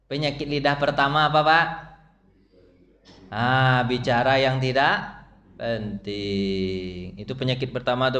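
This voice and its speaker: A man's voice: medium pitch, fairly bright tone. A man, teaching a casual mosque study lecture in a joking manner, often laughing and speaking straight to his listeners. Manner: humorous, chuckling, addresses listeners directly. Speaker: religious teacher.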